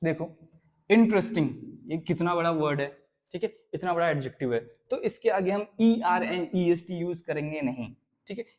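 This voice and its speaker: Young guy teaching kids grammar, highish voice, step by step, keeps checking in. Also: expressive, normal speed, darkish tone. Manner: explains step by step with repeated check-ins. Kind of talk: grammar lesson for schoolchildren.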